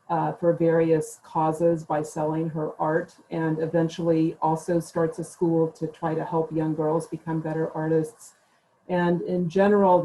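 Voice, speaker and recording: Low, flat-voiced woman professor. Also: low-quality recording. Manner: reflective, thinking aloud in long sentences. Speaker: English professor co-hosting a book club. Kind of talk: unscripted book club discussion.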